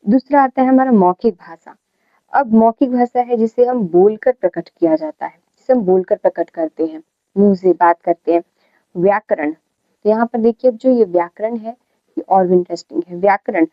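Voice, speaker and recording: A woman's voice: mid-range voice, no echo, dull audio. A woman teaching a grammar lesson, who repeats key words and keeps checking in with her students.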